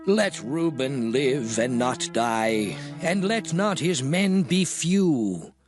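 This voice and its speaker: Old prophet Moses, very slow and solemn, over swelling music. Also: male voice, medium pitch, animated. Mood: grave. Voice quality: slow, grave, declamatory. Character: Moses, an old prophet addressing his people. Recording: music clearly underneath.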